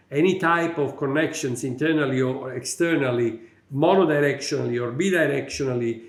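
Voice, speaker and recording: A company executive from Italy, middle-aged and speaking with an Italian accent, gives a prepared conference talk in a fairly high-pitched voice. He halts often and uses many fillers, and the recording has a roomy sound.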